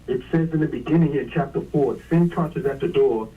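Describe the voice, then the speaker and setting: A man's voice: medium pitch, fairly quick, crowd noise. Man, caller on a phone speaker, tinny phone line, distant, earnest, argumentative. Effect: heard over a phone speaker. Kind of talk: call-in discussion of scripture.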